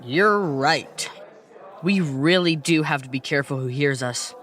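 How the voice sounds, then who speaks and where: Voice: medium pitch, unhurried, fairly bright tone, natural voice. An actor voicing a wisecracking teenage schoolboy who grumbles and jokes. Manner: whiny and joking.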